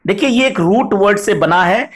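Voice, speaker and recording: A man teaching English vocabulary in a video lesson, explaining patiently, reading English examples slowly and often asking "right?". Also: sits high, expressive. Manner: addresses viewers as "sahab", frequent "right?".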